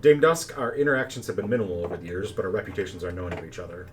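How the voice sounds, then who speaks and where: A man playing a tall, formal old gentleman lawyer who speaks in a measured, commanding way. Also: deep voice, lightly acted. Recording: distant mic, faint background noise.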